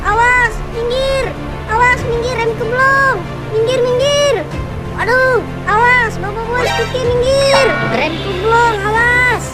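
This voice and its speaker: Brief: performer voicing a clumsy boy clown, shrill and frantic, very high, with a loud music bed. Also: a little slow. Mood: panicked. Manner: shrill, frantic yelling for help.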